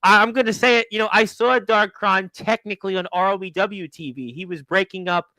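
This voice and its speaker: A chatty male host with a high, bright voice runs a casual wrestling talk show. He laughs often and calls out viewers from the chat. The sound is dry and close. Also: steady tone, a little fast, no room sound, rough recording. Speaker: podcast host.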